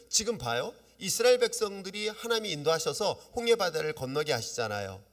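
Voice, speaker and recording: Animated male pastor in echoing hall. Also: high-pitched. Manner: lively, asks the congregation questions. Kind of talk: sermon. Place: church sanctuary. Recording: long reverb of a church hall.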